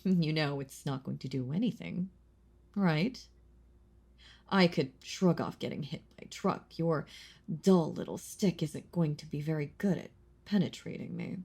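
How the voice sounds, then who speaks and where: A woman plays an ancient female vampire in an intimate audio roleplay, speaking in a slow, husky, low murmur with a creaky edge and often slipping into whispers. Heavily acted, she is possessive, condescending, mocking, and confident, teasing the listener with quiet menace.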